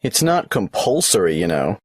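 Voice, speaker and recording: A man's voice: fairly low pitch, sing-song, moderate pace, breathy edge, no room sound, studio quality. An actor playing a polite, businesslike male tax office clerk who asks questions in a scripted exam dialogue.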